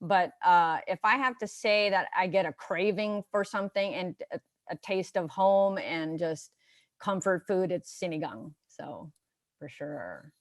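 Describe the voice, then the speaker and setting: A woman's voice: lowish voice, a little slow. A middle-aged woman from the United States, chatting casually as a guest on a comedy show, rambling with fillers and restarts. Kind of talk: casual chat.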